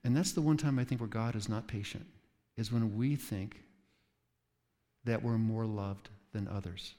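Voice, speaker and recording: A man preaching a sermon in an animated way, acting out quoted voices with sudden jumps in pitch. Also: unhurried. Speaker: pastor. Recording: long reverb of a large hall.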